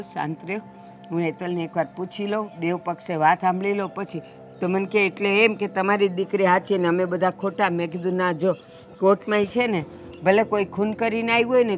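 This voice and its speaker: A woman's voice: medium pitch, steady tone, a little fast, soft background music, natural voice. A middle-aged woman playing an upset mother who indignantly retells a quarrel over her daughter. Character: distressed mother of a wronged bride.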